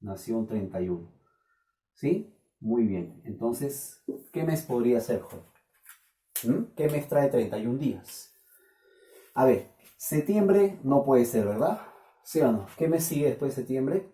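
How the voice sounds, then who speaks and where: A Peruvian man gives a math lesson in a classroom, stopping again and again to ask his students if they follow. His voice is very dark and mellow. It is picked up from some distance in a room with a lot of echo. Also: mid-range voice, sing-song, measured pace, pauses often. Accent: Peruvian Spanish. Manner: questioning, keeps checking with students. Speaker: math teacher. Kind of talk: classroom lecture.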